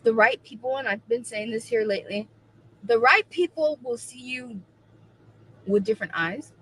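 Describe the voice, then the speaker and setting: A woman's voice: fairly high pitch, moderate pace, a bit bright, slight background noise, rough recording. A woman in her forties chatting casually on a livestream, emphatic and repeating her points for effect. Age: 40s. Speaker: co-host of a livestream.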